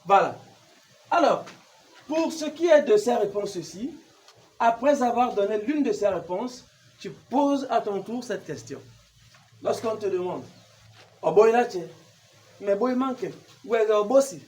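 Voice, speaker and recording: A man giving a patient language lesson, explaining slowly and repeating each phrase. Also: sits high, lively intonation, darkish tone. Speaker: language teacher.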